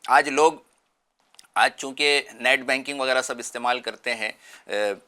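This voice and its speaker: A man's voice: mid-range voice, steady tone, sharp tone. A man, a guest on a religious talk show, explaining earnestly through everyday examples. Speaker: guest speaker.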